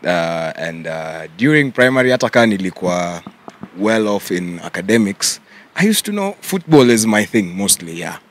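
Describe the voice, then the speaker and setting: A young man with a Kenyan accent, answering interview questions in a relaxed way and mixing English with Swahili slang. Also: low-pitched, moderate pace. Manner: relaxed, mixes English and Swahili slang, says "yeah" often. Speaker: content creator guest.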